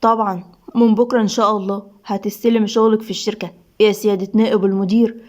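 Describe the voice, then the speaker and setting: A woman's voice: medium pitch, flat delivery, quick pace, darkish tone, natural voice. A woman with an Egyptian accent voicing a secretive rich young man who speaks with a smile. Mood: friendly. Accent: Egyptian Arabic. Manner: smiling, ends in whispers.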